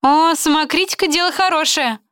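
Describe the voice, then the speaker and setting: Brief: a woman playing a smug, teasing girl student, higher voice, drawling mockery, dry close sound. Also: fairly quick, fairly bright tone, dry recording.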